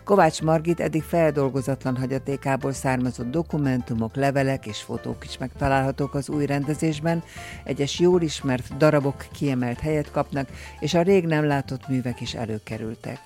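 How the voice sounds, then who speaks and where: A man reading a radio news item in a steady, formal way from a script. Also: medium pitch, faint music behind. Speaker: newsreader.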